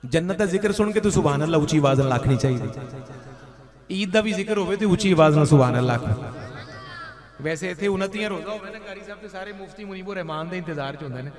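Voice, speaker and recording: A man's voice: high voice, lively intonation, fast, darkish tone. A man with a Pakistani Punjabi accent reciting devotional verse at a religious gathering, chanting lines over and over and calling on the audience to answer. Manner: chants verses repeatedly, calls on the audience to respond. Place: religious gathering, large space. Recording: echoey live hall recording.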